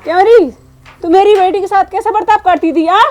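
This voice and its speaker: A protective, angry mother, played by a woman in a home-made short drama. She scolds the maid sharply in a high voice. Faint music plays behind her. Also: fairly quick, darkish tone. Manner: scolding, then comforting.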